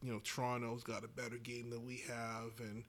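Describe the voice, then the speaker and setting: A man's voice: medium pitch, monotone, brisk, a bit bright. A man, a former basketball coach from Canada, reflecting in a casual conversation with many fillers.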